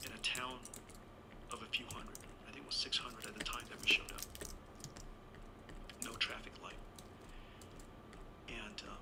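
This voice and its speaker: With a creaky, medium-pitched voice and level tone, a man in his sixties from Taiwan speaks at a moderate pace, pausing at length, over very noisy audio. He tells a rambling personal story as an interview guest, frequently self-correcting.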